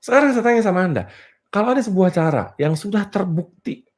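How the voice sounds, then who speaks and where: Male motivational business coach, animated pitch, playful and rhetorical, keeps checking the audience follows. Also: quick pace. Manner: laughs at own jokes. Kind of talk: motivational seminar talk. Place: live and virtual seminar.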